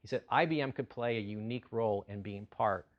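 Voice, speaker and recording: A man's voice: fairly low pitch, quick pace, highs cut off. A middle-aged man giving a corporate keynote with polished enthusiasm, repeating phrases for emphasis. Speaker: CEO keynote speaker.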